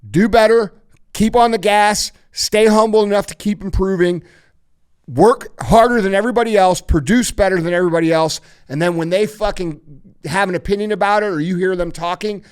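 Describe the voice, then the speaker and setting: A man's voice: high voice, brisk, smooth. Blunt, profane podcast host, man. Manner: blunt, emphatic, heavy swearing. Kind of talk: profane motivational advice.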